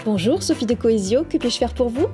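A woman's voice: on the high side, animated, brisk, close to an everyday voice. A woman playing a bumbling customer service agent, speaking in a phone-greeting manner in a comic training sketch. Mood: polite, helpful. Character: bumbling, slightly flippant call-centre customer service agent. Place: small office set, indoors. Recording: background music.

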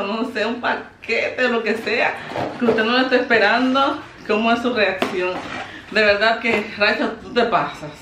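A Dominican woman vlogging at home as she opens birthday gifts, expressive and emotional, laughing often. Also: medium pitch, reverberant, slight background noise. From Dominican Republic. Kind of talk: casual vlog, opening birthday gifts. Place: home, indoors.

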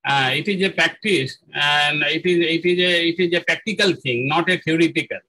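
Bright, high-pitched man lecturing haltingly. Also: rough recording. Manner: halting, with frequent fillers and self-corrections. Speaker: spiritual lecturer. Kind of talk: spoken lecture on spiritual practice.

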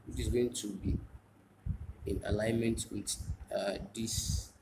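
A man with a fairly low, evenly intoned voice speaks slowly while teaching a step-by-step drawing demonstration at an indoor drawing desk. He repeats phrases and answers his own questions. The recording is noisy, with clicks and an echoey room.

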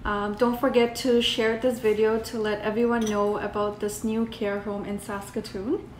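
A woman's voice: mid-range voice, flat delivery, moderate pace, roomy sound, a little hiss or hum. A young woman, a channel host, politely asking interview questions and closing the video, indoors. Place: living room, then a dining room.

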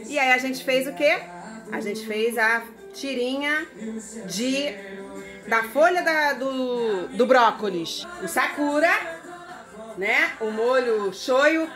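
Cooking in her home kitchen, a Brazilian woman in her forties chats directly to viewers in a high voice, taking it slowly. It's a casual cooking vlog shot on a phone held close, with food sizzling in a pan and music behind her.

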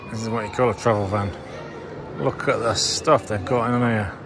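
A man's voice: lowish voice, fairly even intonation, normal speed, crowd noise. A man giving casual, enthusiastic commentary as he walks through a large indoor museum hall, filmed with a handheld camera mic. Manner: enthusiastic, exclamatory remarks while walking. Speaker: vlogger. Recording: noisy handheld museum recording.

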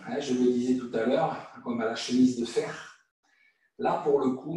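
French man guiding qigong from a distance. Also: mid-range voice. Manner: calm guiding instruction, frequent "hein" and "voilà". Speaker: qigong teacher. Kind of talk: online qigong class instruction. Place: room at home or studio, teaching over video call. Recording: echoey room, voice from far off the mic.

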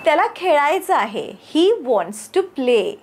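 Casting note: female English tutor with a Marathi accent, high and lively voice, very slow and deliberate delivery, faint noise behind her. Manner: says each English phrase slowly twice for repetition; quick, encouraging explanations to learners. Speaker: English teacher. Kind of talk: bilingual spoken-English drill lesson.

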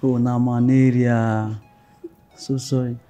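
An actor with a Nigerian Pidgin accent playing an excitable young male student who shouts exclamations. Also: medium pitch, slow, faint music behind, natural voice. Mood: alarmed.

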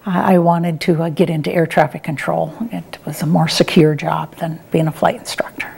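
Answering interview questions as a guest, this retired air traffic controller and professor is a middle-aged woman with a low, gravelly, darkish and slightly rough voice. She talks at normal speed with a flat delivery, in a plain, conversational way that's somewhat hesitant.

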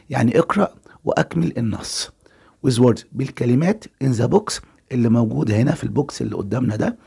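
A man's voice: mid-range voice, gravelly, dark tone, breathy edge. A man with an Egyptian Arabic accent teaching an English exam review, explaining step by step and answering his own questions.

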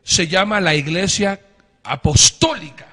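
In a very echoey, wood-panelled studio or meeting room, a middle-aged host of a religious panel programme speaks into a handheld mic. His high-pitched, bright voice is forceful with a breathy edge, as he preaches emphatically to viewers using drawn-out stresses and rhetorical questions.

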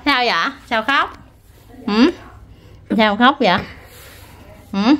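Teasing mom, high voice. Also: female voice, takes it slowly, bright, forceful tone. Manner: teasing, coaxing and laughing. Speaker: mother filming her family. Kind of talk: casual family vlog chat.

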